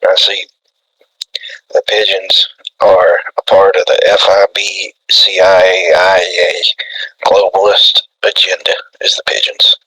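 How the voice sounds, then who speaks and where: A man playing a paranoid redneck radio host with a folksy drawl, deadpan and repetitive, in a husky voice. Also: on the low side, moderate pace, rough recording. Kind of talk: improvised comedy radio role-play.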